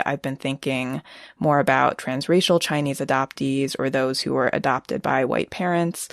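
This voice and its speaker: A young woman with an American accent, answering interview questions in a measured, reflective way. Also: very deep voice, gravelly, no room sound, studio quality. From United States, Vermont. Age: young adult. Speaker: podcast guest.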